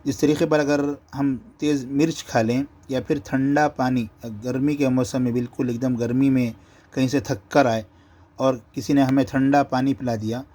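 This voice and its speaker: A man teaching Quran reading, explaining letter pronunciation and drawing out each letter slowly to demonstrate. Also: mid-range voice, flat delivery, dark tone. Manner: slow, drawn-out letter demonstrations between explanations.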